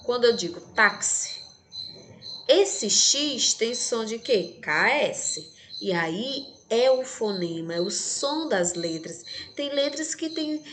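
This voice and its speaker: A woman's voice: mid-range voice, a little hiss or hum. A Brazilian woman teaching an online class to sixth graders, counting letters aloud and checking that students follow. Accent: Brazilian Portuguese. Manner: slow and didactic, counting aloud and checking understanding.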